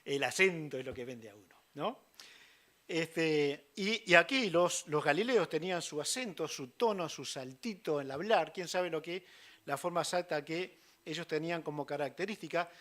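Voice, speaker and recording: A man preaches in a church, his voice sitting a little high for a man. He throws himself into quoted lines with sudden loud bursts, then sinks to soft, almost whispered asides. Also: normal speed. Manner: swings from loud acted quotes to hushed near-whispers. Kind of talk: sermon.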